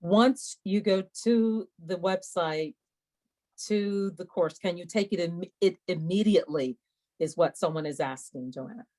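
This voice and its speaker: Woman, low pitch, webinar moderator, formal and courteous, live Q and A. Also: measured pace, a little mellow, poor audio. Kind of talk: moderating a live question and answer session. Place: online webinar call.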